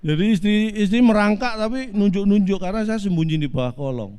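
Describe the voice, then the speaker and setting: A man in his forties telling a deadpan comic monologue, addressing the audience politely and spinning absurd twists with a straight face. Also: high-pitched, fast, smooth. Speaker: stand-up comedian. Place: virtual family gathering.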